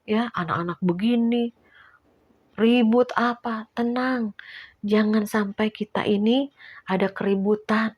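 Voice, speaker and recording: Older woman preacher, earnest and exhortative, folksy, quick to chuckle. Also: a little high, husky, highs cut off. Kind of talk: sermon.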